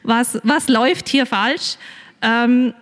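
A woman's voice: a little high, slow. A woman preaching a sermon in a casual storytelling way, with many fillers. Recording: long reverb of a large hall.

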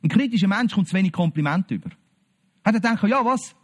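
A man with a Swiss German accent preaching a sermon to his congregation, animated, acting out the Bible scenes in quoted voices. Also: high-pitched, quick pace, husky.

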